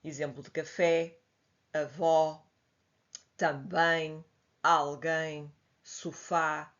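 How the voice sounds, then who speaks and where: Patient low-voiced woman teaching grammar. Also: flat delivery, extremely slow, fairly bright tone. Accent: European Portuguese. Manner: patient, spells out examples syllable by syllable. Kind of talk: recorded grammar lesson. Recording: dull lo-fi recording.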